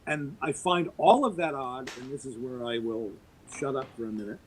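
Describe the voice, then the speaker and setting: Slight background noise accompanies a middle-aged man speaking at normal speed as a podcast guest. He goes on at length with strong opinions, his delivery emphatic and swooping.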